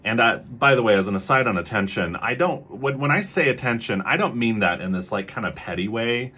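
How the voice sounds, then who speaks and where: A man's voice: medium pitch, lively intonation, fairly quick, sharp tone, breathy edge. A man, a child behavior clinician, explaining in an educational video, hedging with many fillers and briefly acting out what parents say.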